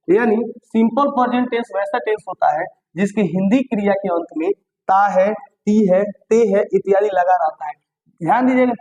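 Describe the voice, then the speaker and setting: A man's voice: sits high, darkish tone, poor audio. A man teaches grammar. He repeats each list aloud several times and keeps asking the class simple check questions. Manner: repetitive, drilling lists aloud with frequent check questions. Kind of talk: classroom-style grammar lesson.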